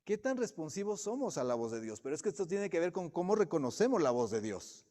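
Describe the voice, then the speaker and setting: A man's voice: on the high side, big pitch swings, brisk, dark tone. A man preaching a sermon to his congregation, often putting direct questions to the listeners. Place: church sanctuary. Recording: long reverb of a church hall.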